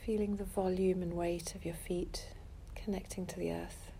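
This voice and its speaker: A woman leading a calm grounding exercise as a meditation guide, speaking softly and breathily with long soothing pauses. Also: lowish voice, vocal fry, slight background noise.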